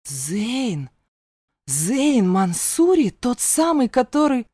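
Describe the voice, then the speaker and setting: A woman's voice: low voice, a little slow, a little mellow, dry recording, studio quality. A woman reading an audiobook voices a stern older male mentor of warriors who scolds and growls at a young fighter. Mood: astonished.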